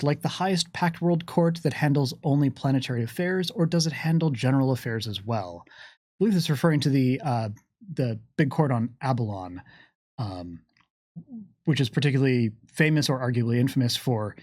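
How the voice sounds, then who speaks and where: Answering viewers' game lore questions on his livestream, this host muses wryly and drops in playful asides. The studio-quality audio has no echo, and his mid-range, slightly mellow voice is expressive and moves at a normal speed.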